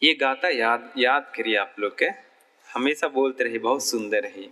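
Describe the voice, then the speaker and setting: A man's voice: medium pitch, moderate pace, pushed and bright, in a large hall. A male Buddhist monk telling a story in a sermon, in short simple phrases, and chanting a verse.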